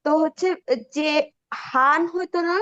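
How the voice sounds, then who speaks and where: A woman's voice: high voice, measured pace, fairly bright tone, no room sound. A woman student asking her teacher a question in an online class, hesitant and searching for words, over dull lo-fi call audio.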